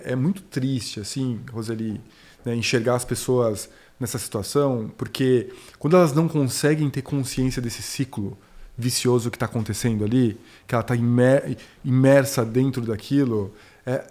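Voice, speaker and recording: Brazilian guy in his 40s, career mentor on a podcast, earnest and explaining, mid pitch. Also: a little mellow. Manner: earnest, explanatory, tells anecdotes with quoted dialogue. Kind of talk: conversational podcast interview.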